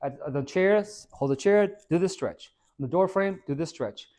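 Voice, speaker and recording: A man who is a fitness trainer, giving an informal, energetic talk to a small audience. He quizzes the listeners and tags many points with "right?". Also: on the high side, moderate pace. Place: hair and skin salon, indoors.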